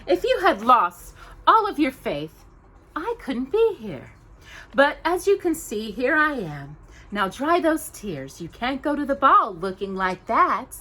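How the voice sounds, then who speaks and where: A woman's voice: sits high, very animated, takes it slowly, pushed and bright, pitched above the performer's own voice, full character voice. Woman voicing a singsong, scatterbrained old Fairy Godmother. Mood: cheerful reassurance. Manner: singsong, fussing and coaxing.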